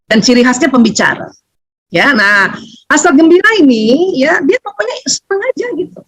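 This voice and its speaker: A woman, giving a lively seminar talk as a doctor, laughing often and acting out voices. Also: high-pitched, moderate pace, no echo, poor audio.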